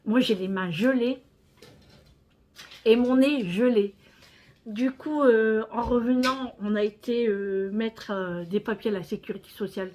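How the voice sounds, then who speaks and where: A French woman talks to her followers in a relaxed, chatty home vlog. Her voice sits a little high, and she keeps calling her viewers friends as she shows them around. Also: measured pace, a little hiss or hum. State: out of breath. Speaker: vlogger. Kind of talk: casual vlog chat to viewers.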